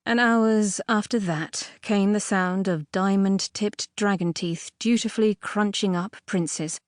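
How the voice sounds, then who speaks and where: A woman voices a fairy tale as an audiobook narrator, reading with a touch of archness, heavy emphasis on key words and pauses for drama. Her pitch is typical for a woman. The studio recording is very dry and close, with no room sound.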